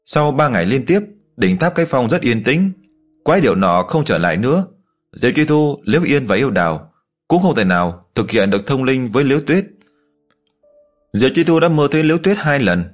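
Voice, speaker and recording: A man reading a fantasy story aloud in steady, even scripted narration. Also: medium pitch.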